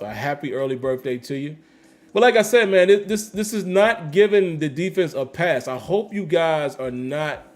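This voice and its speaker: A man hosting a casual livestream, reading chat comments aloud and answering them emphatically with slangy repetition. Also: a little high. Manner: emphatic, repeats phrases, slangy. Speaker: host reading live chat.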